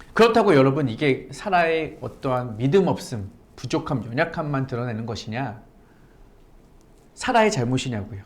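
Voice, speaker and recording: A woman pastor preaching a sermon in a conversational way, full of rhetorical questions and emphatic repetition. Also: deep voice.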